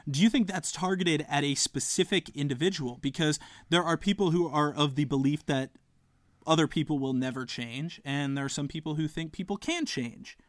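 A man's voice: a little high, normal speed, dry recording. Guy hosting a fan podcast, jokey, dry close mic. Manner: playful, bursts into singing. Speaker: podcast host. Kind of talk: casual podcast chat.

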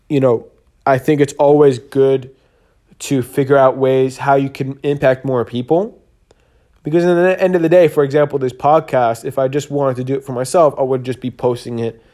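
A man talks alone into his podcast mic in a loose, earnest ramble. He restarts his sentences and leans on fillers as he works his thoughts out. He sounds tired and keeps yawning, at an ordinary middle pitch. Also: a little mellow. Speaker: podcast host. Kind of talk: casual solo podcast monologue.

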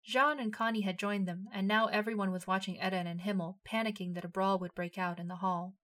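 A woman reads a story aloud in a steady narrating voice. She keeps an even, unhurried storytelling manner. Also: mid-range voice. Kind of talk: reading fan fiction aloud.

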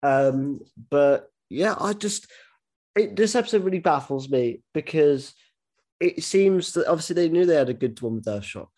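A man's voice: on the high side, expressive, moderate pace, a little mellow. A man hosting a casual podcast chat, talking animatedly with lots of swearing and false starts. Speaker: podcast host.

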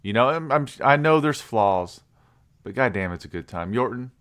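A man's voice: medium pitch, lively intonation, normal speed, a bit bright. A man co-hosting a podcast, talking about films in an easygoing, enthusiastic, joking way. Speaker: podcast co-host. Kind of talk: casual movie review chat.

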